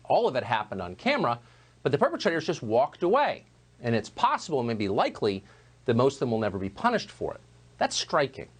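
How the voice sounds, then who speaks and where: A man delivering a scripted opinion monologue as a news host, measured and emphatic. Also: mid-range voice.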